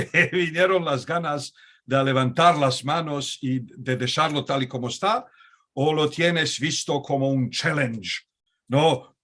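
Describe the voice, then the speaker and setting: A man hosts a conversational interview in Ladino over a video call, asking long, searching questions full of fillers and restarts. His voice is medium-pitched and a bit bright.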